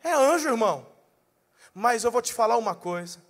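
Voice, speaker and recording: A man preaches a sermon in a dramatic, animated style, acting out scenes in different voices and building to shouts at the peaks. His pitch is extremely high and his pace moderate.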